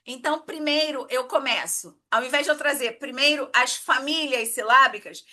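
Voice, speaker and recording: A woman's voice: high voice, sharp tone. A woman teaching an exam-prep lesson, explaining step by step and checking in with her students often.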